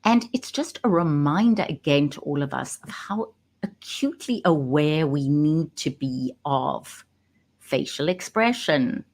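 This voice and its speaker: A woman who works as a communication coach, talking straight into her camera and stressing key words with pauses. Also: deep voice, animated, a little mellow. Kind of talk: direct-to-camera talk. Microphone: webcam.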